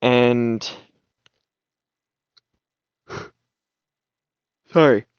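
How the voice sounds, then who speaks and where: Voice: medium pitch, drawn-out words, clean tone, dry recording, muffled recording. A player describing their characters' moves in a tabletop game, rambling and hesitant, fighting yawns.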